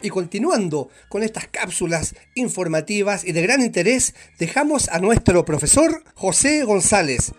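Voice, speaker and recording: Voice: mid-range voice, expressive, moderate pace, faint music behind. A co-presenter of a school info program, reading scripted links in a friendly, upbeat way.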